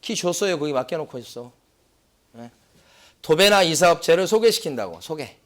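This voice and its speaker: Quizzing male exam lecturer, slightly high voice. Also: expressive. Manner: quizzing students with questions, repeating key terms slowly; tells anecdotes with acted-out quotes. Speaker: real estate exam lecturer. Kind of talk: classroom lecture. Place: lecture room.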